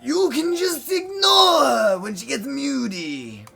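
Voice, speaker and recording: A woman puts on a cheerful teenage girl who gushes at full volume. Her voice sits high over a slow pace. Soft music plays in the background. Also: sing-song, gravelly, heavily acted. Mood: gushing. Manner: loud, gushing.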